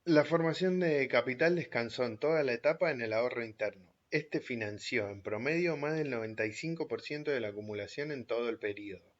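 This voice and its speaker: A man reading an economics book chapter aloud in a steady, measured way, pausing at times to reread a phrase. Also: mid-range voice. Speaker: reader of an economics text. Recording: dull lo-fi recording.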